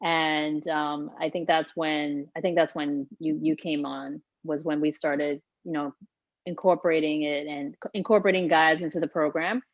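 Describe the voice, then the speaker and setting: A woman's voice: sits low, steady tone, moderate pace, no echo, dull audio. A woman fitness coach hosting a casual live-stream interview, chatty with frequent laughs and fillers. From Haiti.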